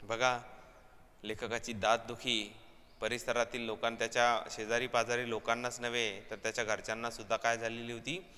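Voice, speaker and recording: A man's voice: medium pitch, flat delivery, normal speed, sharp tone, big-room sound. A man teaching a prose lesson, explaining each line emphatically and repeating himself as he paraphrases.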